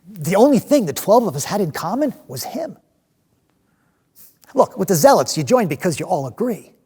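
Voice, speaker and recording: A man performs a fervent zealot disciple, a restless man of action, in a dramatic stage monologue. The voice sits fairly high for a man, with a gravelly, husky grain. He tells his story haltingly, doubling back on words and leaning hard on the ones that matter. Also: sing-song, a little mellow, full character voice. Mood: earnest, fervent. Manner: halting, emphatic delivery with repeated words and swells.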